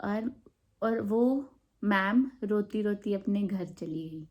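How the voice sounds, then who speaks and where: A woman telling a childhood story in a casual vlog, animated and mixing in English words. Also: medium pitch, slow pace. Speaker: storytime vlogger.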